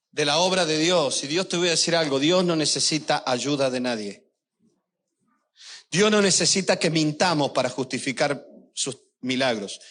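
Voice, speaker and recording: With a slightly high, somewhat bright voice, an older pastor shares heartfelt personal stories during his sermon. He addresses the congregation directly throughout.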